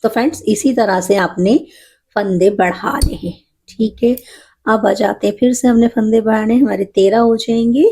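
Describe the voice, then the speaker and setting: A woman's voice: a little high, moderate pace, mellow, slight background noise. A woman with a cold teaching a knitting tutorial, patiently counting stitches aloud and explaining each step. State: has a cold, voice a bit rough.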